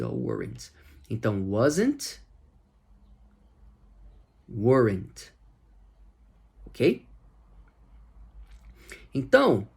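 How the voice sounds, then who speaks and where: Slow, patient Brazilian teacher. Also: male voice, mid-range voice, gravelly. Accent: Brazilian Portuguese. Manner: patient, repeats example phrases slowly. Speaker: English teacher. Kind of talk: explaining English grammar to Portuguese speakers.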